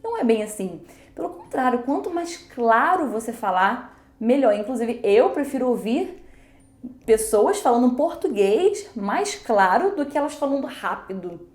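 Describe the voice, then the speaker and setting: A woman teaching in a casual video lesson, chatty and quick, sometimes acting out examples. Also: on the high side, very animated, a little mellow, roomy sound. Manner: chatty, fast-talking, switches into English examples. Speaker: English teacher.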